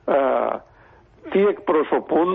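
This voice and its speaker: A man's voice: on the high side, slightly rough. A man, a politician guest on a radio interview, arguing his point insistently with many hesitations. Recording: phone-line call-in.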